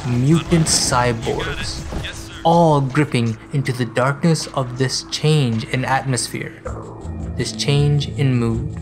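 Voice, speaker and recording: Dramatic male narrator over music, slow and deliberate. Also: medium pitch. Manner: emphatic, broken into short weighty phrases. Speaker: video essay narrator. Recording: loud music under the voice.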